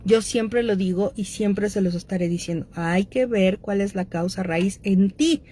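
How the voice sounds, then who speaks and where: With a warm, slightly rough, mid-range voice and an unhurried pace, a middle-aged Mexican-accented woman speaks conversationally about addictions, addressing listeners directly as host and using lots of fillers.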